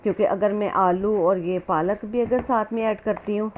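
A home cook hosting a cooking channel narrates a recipe step by step in a casual, conversational, instructional way. Her mid-range voice is steady and moderately paced, with clearly audible kitchen ambience behind her.

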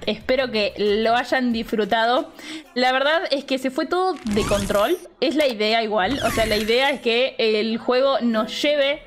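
High-voiced Rioplatense woman commentating a game. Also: measured pace, slight background noise. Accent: Rioplatense Spanish. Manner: animated, laughing, exclaiming. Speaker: Sims let's play host. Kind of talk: excited gameplay commentary.

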